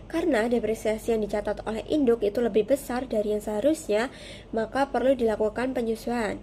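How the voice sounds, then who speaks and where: A young adult woman gives a prepared class presentation as a student, explaining things step by step in a formal, methodical manner. Her voice is mellow and fairly high, her delivery brisk, with slight background noise.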